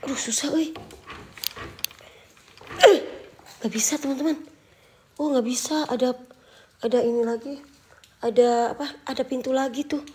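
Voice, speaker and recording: A woman hosting a live-streamed ghost hunt, with a slight lilt, who goes from hushed, whispered prayers to loud, slangy back-talk at her chat. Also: high voice, fairly even intonation, a little slow, pauses often, echoey room. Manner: swings between whispered prayers and loud retorts to viewers; casual slangy banter with chat. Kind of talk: live-streamed haunted house exploration.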